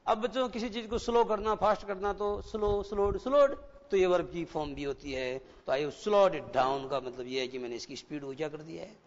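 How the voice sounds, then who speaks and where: High-voiced male teacher in a reverberant, muffled broadcast. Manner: explains slowly, asks the children rhetorical questions. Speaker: English teacher. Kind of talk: classroom lecture. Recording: dull lo-fi broadcast with long reverb.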